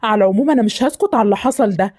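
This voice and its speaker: A woman's voice: fairly high pitch, lively intonation, racing, darkish tone. A woman with an Egyptian accent voicing a kind, well-off engineer who turns indignant, in an amateur voice drama. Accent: Egyptian Arabic. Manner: generous and indignant.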